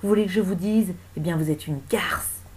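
A woman's voice: lowish voice, fairly quick, a little mellow, close to an everyday voice. A woman voicing a furious, humiliated cleaning woman who screams in defiance, in a storybook reading. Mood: enraged.

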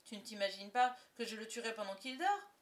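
A woman's voice: fairly high pitch, lively intonation, a little fast, lightly acted. A woman reading the part of a cocky, fearless boy who boasts about fighting pirates. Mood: boastful. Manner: boastful, brash.

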